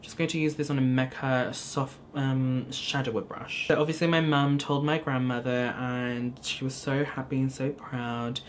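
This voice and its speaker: A man's voice: mid-range voice, little pitch movement, moderate pace, hardly any pauses, slight background noise. A young man from Hong Kong, chatting casually with viewers while doing his makeup, with lots of ums and likes. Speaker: beauty vlogger. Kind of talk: casual get-ready-with-me chat. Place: small indoor studio corner.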